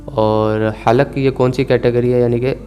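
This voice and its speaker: A man teaching Quran recitation rules, calmly explaining and slowly stretching out recited words to demonstrate. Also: medium pitch, faint music behind. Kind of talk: tajweed lesson.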